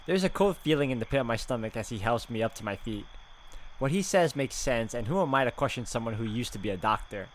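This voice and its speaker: Reading a visual novel's narration with dramatic flair and sarcastic asides, this gamer speaks fast in an expressive, medium-pitched voice. There is slight background noise.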